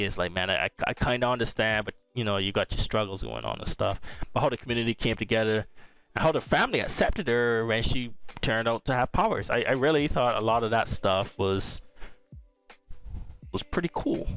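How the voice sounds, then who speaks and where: Easygoing man with a smooth low voice. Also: fairly quick, fairly bright tone, no room sound. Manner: rambling, easygoing, often restarts his sentences. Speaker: podcast host. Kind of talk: casual pop-culture review chat.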